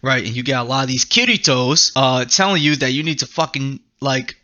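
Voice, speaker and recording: Man, profane rambling anime commentary host, bright forceful tone, dull lo-fi sound. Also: medium pitch, animated, a little fast. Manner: profane, rambling, laughs often. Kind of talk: casual anime commentary rant.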